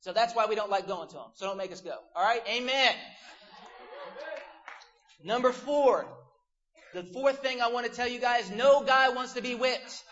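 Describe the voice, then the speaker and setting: A man's voice: very high voice, normal speed, long pauses, fairly bright tone, highs cut off, slight background noise. A man preaching a casual, joking youth sermon to a crowd of teens.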